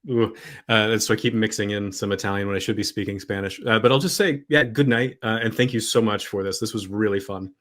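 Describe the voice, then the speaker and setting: A man answers in a fairly low voice over a video call. He is relaxed and self-deprecating, pausing often with "uh". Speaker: guest scholar. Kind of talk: casual interview answers.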